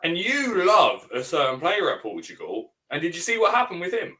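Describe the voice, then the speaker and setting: A man's voice: a little high, huge pitch swings, moderate pace, bright, forceful tone, poor audio. A man co-hosting a podcast, chatting casually with a teasing, wry manner. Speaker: podcast co-host. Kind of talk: casual banter.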